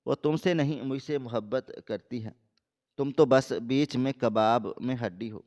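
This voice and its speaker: A man's voice: mid-range voice, darkish tone, in a large hall, close to an everyday voice. A man reading the part of a brazen male caller who speaks in a mocking, overly familiar way.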